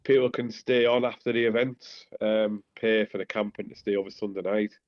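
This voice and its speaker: A man with a Teesside accent, co-hosting a podcast and reading out announcements in a casual, halting way. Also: fairly low pitch, steady tone, dry recording. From Teesside, north-east England. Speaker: podcast co-host. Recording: slightly dull lo-fi microphone.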